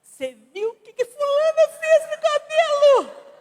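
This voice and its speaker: A woman's voice: very animated, measured pace, a little mellow, heavily acted. A woman voicing a two-faced female friend who heaps fake, exaggerated praise, heard in a reverberant church hall. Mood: gushing. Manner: shrill, exaggerated over-the-top praise.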